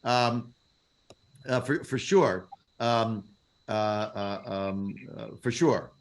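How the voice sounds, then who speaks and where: A man's voice: fairly low pitch, drawn-out words. A man teaching a Bible class over a video call, digressive, full of fillers and rhetorical questions. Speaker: Torah teacher.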